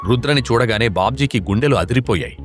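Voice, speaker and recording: A man's voice: medium pitch, fast talker, faint music behind. A man narrating an action audio series in a vivid, dramatic storytelling way.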